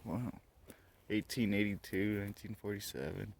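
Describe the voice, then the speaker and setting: Lowish and steady with vocal fry, the man speaks at normal speed as he vlogs around a graveyard at night. His remarks come in casual, off-the-cuff pieces, recorded on a noisy handheld setup outdoors with clicks.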